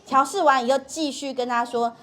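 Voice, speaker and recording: A middle-aged woman leads a parent education talk and answers questions from the audience. Her voice sits a bit high, and she is animated. She slips into a higher voice to act out quoted exchanges between parent and child. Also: brisk. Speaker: parenting workshop speaker.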